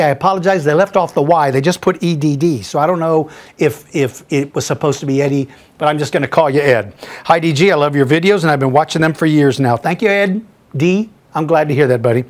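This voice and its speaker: A man hosting a paleontology podcast, answering listener questions in an enthusiastic, folksy way and calling listeners buddy. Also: on the high side.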